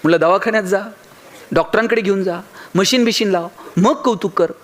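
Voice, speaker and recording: A man's voice: high-pitched, brisk, fairly bright tone. A man giving a motivational public speech, telling funny stories and talking directly to his audience. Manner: humorous storytelling, addresses the audience directly. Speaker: motivational speaker.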